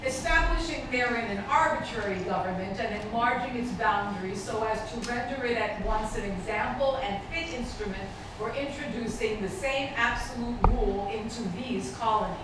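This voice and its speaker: A woman formally reciting a historical declaration in public, with stately and measured oratory. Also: fairly high pitch. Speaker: public reader at a commemorative event. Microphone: distant microphone. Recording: distant, very echoey, noisy background.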